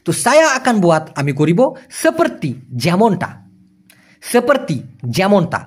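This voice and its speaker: A man whose first language is Bengali, teaching Malay job-interview phrases and repeating each one slowly. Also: high voice, sing-song, husky.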